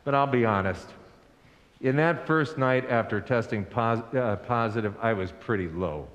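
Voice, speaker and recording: A male pastor preaching an Easter sermon in a slow, deliberate way. He asks the congregation to repeat lines after him. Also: medium pitch, fairly bright tone. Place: church sanctuary. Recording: echoey hall with long reverb.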